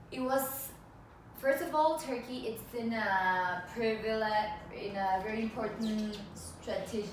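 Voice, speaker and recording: A woman in her twenties from Colombia and Mexico giving a student class presentation, hesitant, with restarts and fillers. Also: medium pitch. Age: 20s. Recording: echoey room, far from the mic, faint noise.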